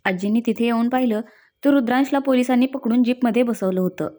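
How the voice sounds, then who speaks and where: A woman narrates a family drama story in a steady, expressive reading. Her voice sits slightly high with a mellow, soft tone. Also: quick pace.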